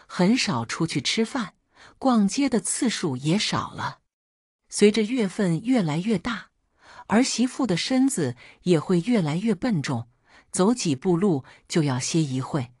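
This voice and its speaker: A woman telling a family story in the first person, in a steady, aggrieved narrating voice. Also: lowish voice, husky, no echo, studio quality.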